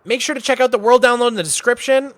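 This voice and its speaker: Fast and extremely high-pitched, this man's voice comes through with no echo. The Massachusetts, USA streamer tours a game world in casual livestream commentary, loose and relaxed, filling his speech with "like."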